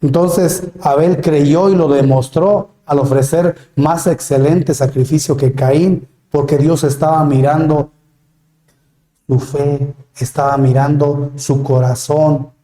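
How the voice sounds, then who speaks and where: A man's voice: a little high, steady tone, slow pace, dark tone, reverberant. A man with a Mexican Spanish accent preaching a sermon as pastor, earnest and questioning, often calling listeners brother. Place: church.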